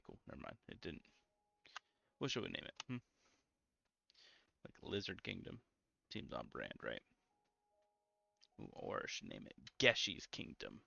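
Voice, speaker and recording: A young man streaming a game in a calm, low-energy, mellow way, full of ums and easy asides. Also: vocal fry, dry recording. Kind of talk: casual gameplay stream chat. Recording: slightly muffled lo-fi audio with faint music.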